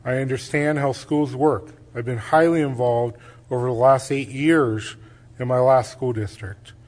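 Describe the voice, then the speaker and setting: A man's voice: mid-range voice, steady tone, unhurried, darkish tone. A man giving a closing statement as a school board candidate, earnest and listing his qualifications in short phrases.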